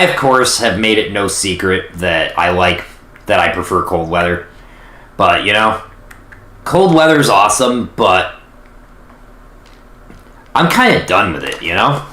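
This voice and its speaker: A man's voice: fairly low pitch, bright, forceful tone, roomy sound. A young man casually commentating his gameplay on stream, rambling and self-deprecating. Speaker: gaming streamer.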